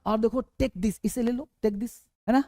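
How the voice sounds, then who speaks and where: A man's voice: very high-pitched, fairly even intonation, normal speed, mellow, no echo, clean studio sound. A man teaching spoken English in a lesson, repeating short phrases and asking questions he answers himself. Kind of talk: classroom-style lesson.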